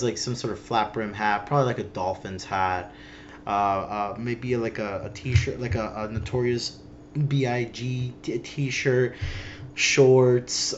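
A man's voice: medium pitch, highs cut off, noisy background. A man in his twenties from Miami, a guest on the show, describing someone casually in a loose, rambling way and laughing often. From Miami, Florida. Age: 20s. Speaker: guest, host's roommate.

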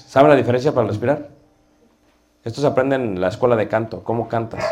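A man's voice: mid-range voice, a little mellow, a little hiss or hum. A middle-aged man teaching a class on preaching, asking the students rhetorical questions. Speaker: homiletics teacher.

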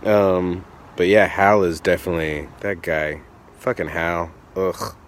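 A man's voice: deep voice, steady tone, unhurried, a little hiss or hum. A man chatting casually as a podcast co-host, wry and self-mocking. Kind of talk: casual video-message chat.

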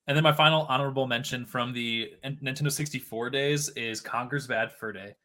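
A young man in his late twenties chats casually as a podcast co-host. His voice is bright and forceful, and he rambles along with plenty of fillers. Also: mid-range voice, fairly quick. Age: 20s. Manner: chatty, rambling, many fillers. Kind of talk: casual chat.

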